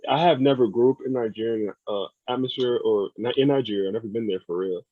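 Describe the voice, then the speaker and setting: A man's voice: medium pitch, fast, dry recording. A young American man, a podcast guest, talking earnestly and thoughtfully, often repeating words as he thinks. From United States. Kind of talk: casual podcast conversation. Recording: dry, phone-like sound.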